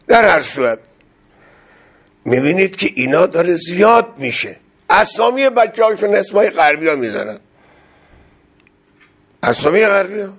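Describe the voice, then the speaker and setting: A male preacher with a raised, gravelly voice and a husky, rough edge. He delivers his sermon with passion, pushing hard on key phrases. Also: a little high, a bit bright. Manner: impassioned, rising to emphatic outbursts. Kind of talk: religious sermon.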